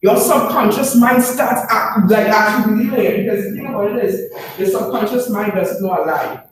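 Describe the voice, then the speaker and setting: A man's voice: sits high, a little fast. A man giving a motivational talk to a live group at an information session. He often checks in with the room by asking 'right?' and repeats phrases for emphasis. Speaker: presenter at a business information session. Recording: very echoey room, far from the mic, faint noise.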